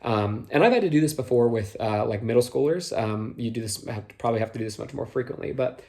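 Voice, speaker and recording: A man's voice: mid-range voice, expressive, fast talker, vocal fry, darkish tone. Casual young man coaching group leaders. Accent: Minnesota, on a few words. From Minnesota. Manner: conversational, many fillers, acts out quotes. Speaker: youth small group leader trainer. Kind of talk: casual instructional talk.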